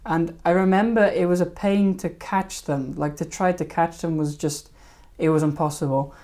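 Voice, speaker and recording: A woman's voice: on the low side, steady tone, normal speed, mellow. A woman hosting a fishkeeping live stream, rambling casually and hesitantly over her old videos. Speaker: fishkeeping channel host.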